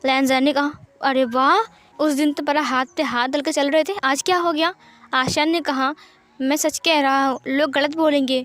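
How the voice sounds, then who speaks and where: Woman storyteller, high voice, gentle and unhurried, voices all characters herself. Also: steady tone. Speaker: fanfiction narrator. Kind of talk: storytelling narration with character dialogue.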